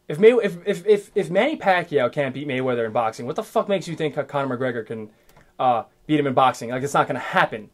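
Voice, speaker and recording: A man in his twenties hosts his own podcast, delivering a casual solo rant in a fast, expressive, mid-range voice. He swears often, rambles, and restarts his sentences a lot.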